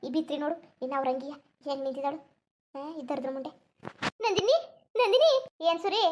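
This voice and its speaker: An anxious village mother from a cartoon, acted by a woman who wails and pleads in rustic, colloquial speech. Her voice sits very high and her words tumble out quickly, and she turns sharply scolding when she is angry. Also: lively intonation, noisy background. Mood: lamenting. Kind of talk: cartoon voice acting.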